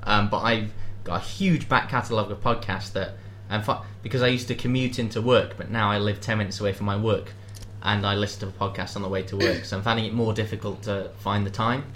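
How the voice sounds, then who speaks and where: Cheeky fast-talking British man. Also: fairly low pitch, fairly even intonation, a bit bright, slight background noise. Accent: British English. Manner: quick, joking and cheeky. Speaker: podcast co-host. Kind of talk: casual chat.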